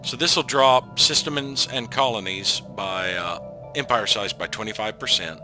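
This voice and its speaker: Low-voiced man musing over gameplay. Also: normal speed. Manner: thinks aloud, trailing off with frequent ums. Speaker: let's play host. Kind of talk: casual gameplay commentary. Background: game music.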